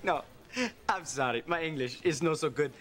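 An actor playing a young man who puts on a hammy fake Italian accent in halting broken English. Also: on the high side, noisy background, lightly acted. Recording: sitcom clip with loud studio audience.

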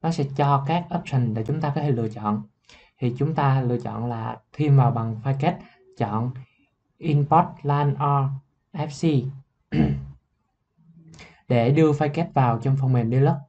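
A young man, a student, explaining software in a class report, halting at times and clearing his throat. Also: mid-range voice, lo-fi sound. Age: young adult. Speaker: student presenter.

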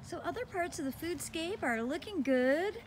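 A woman's voice: very high-pitched, animated, moderate pace, a little hiss or hum. A woman chatting casually and laughing easily as she walks through her outdoor garden, filming on a phone. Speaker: gardening vlogger.

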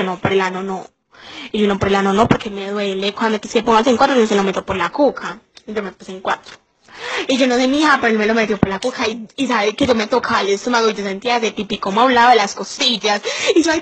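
Brash young woman with a paisa accent, played for comedy, confiding gossip, dramatic exclamations, mid-pitched voice, faint background noise. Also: a bit bright, natural voice, poor audio. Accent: Colombian Paisa. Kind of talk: comic monologue.

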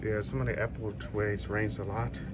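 A man's voice: lowish voice, level tone, fairly quick. A middle-aged man narrating a casual walking vlog in a rambling, repetitive way into a handheld phone. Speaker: travel vlogger. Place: large indoor airport terminal. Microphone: phone held at arm's length. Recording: noisy airport terminal ambience. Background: clear terminal ambience noise.

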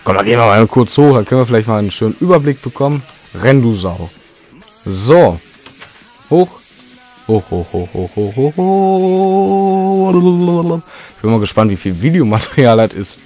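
A man's voice: on the low side, animated, brisk, a little mellow, soft background music. A young man giving casual, rambling commentary over his own gameplay, with sudden jumpy outbursts. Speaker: let's play commentator.

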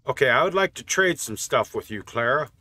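A man hosting a channel gives casual, offhand commentary while testing a game mod, thinking aloud as he plays. His mid-range voice is animated and a little fast, with a sharp tone.

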